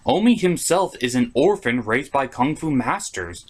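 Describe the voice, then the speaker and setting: Speaking at a moderate pace with a medium pitch and big pitch swings, a man hosts a scripted comedy show reviewing cartoons. His style is theatrical, opinionated and crude, set over background music.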